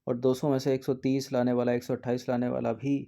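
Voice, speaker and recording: A man's voice: mid-range voice, completely flat delivery, fairly quick, creaky, warm tone. A man going through the answers of an exam practice test, explaining each one steadily and repeating words to check them. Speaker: exam prep teacher. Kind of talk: test series answer walkthrough.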